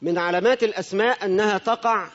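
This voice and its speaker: High-voiced Egyptian teacher in a reverberant hall. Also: male voice, quick pace, a bit bright. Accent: Egyptian Arabic. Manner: asks the class questions and answers them himself. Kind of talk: grammar lesson to a class. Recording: dull lo-fi recording with long hall reverb.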